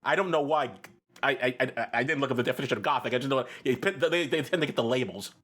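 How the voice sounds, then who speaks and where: A man's voice: mid-range voice, fast, a bit bright. A man co-hosting a podcast, chatting casually, laughing often and restarting his sentences. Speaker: podcast co-host. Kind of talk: casual chat.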